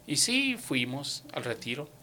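A man giving a personal faith testimony, retelling conversations with lively, acted-out dialogue and dropping English words into his speech. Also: mid-range voice, a little slow, slight background noise.

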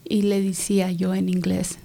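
Woman, native English speaker, interview guest, faith testimony, soft and earnest, frequent whispering, narrow pitch range, gravelly. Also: completely flat delivery, normal speed. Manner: soft, often drops to a whisper.

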